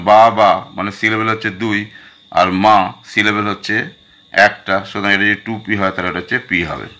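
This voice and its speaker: Bright-voiced Bengali male teacher. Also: on the low side. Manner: walks through questions one by one, addressing students directly. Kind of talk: exam revision lesson.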